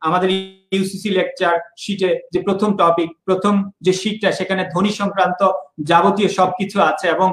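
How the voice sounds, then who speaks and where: A man's voice: high voice, flat delivery, brisk, fairly bright tone, roomy sound, soft background music, poor audio. A young man from Bangladesh, teaching an online exam-prep lesson and repeating key points.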